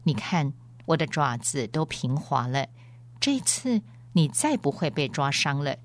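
A woman voicing a great male lion who is wise, gentle and stern, speaking in a calm, measured, fatherly way. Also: sits low.

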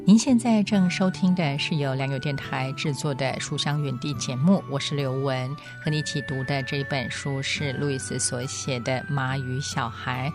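A woman who hosts a radio program, narrating a novel with expressive storytelling. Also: a bass voice, moderate pace, few pauses, music in the background. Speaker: radio program host and reader.

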